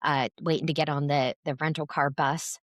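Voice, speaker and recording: Chatty, rambling low-voiced woman. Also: steady tone, normal speed, no echo, studio quality. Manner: rambling storyteller, many fillers and restarts. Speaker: podcast co-host. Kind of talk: casual chat.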